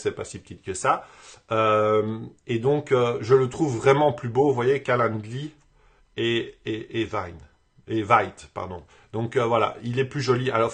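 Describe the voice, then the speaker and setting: Husky-voiced man coaching entrepreneurs. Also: medium pitch. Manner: conversational, halting with repeated words. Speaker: business coach. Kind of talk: live online tutorial.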